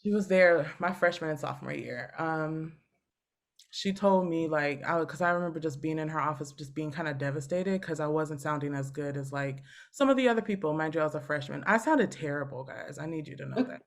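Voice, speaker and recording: A woman in her thirties with a low, deep-set voice chats on a podcast. She tells stories with animation and easy laughter. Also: brisk. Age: 30s. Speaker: guest opera singer. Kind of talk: casual podcast chat.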